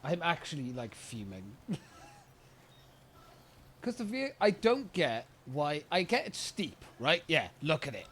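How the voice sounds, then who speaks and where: A man's voice: fairly high pitch, sing-song, slow, long pauses, fairly bright tone, a little hiss or hum. A British man streaming a video game, ranting in an exasperated, profane way. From United Kingdom. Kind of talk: casual live-stream commentary.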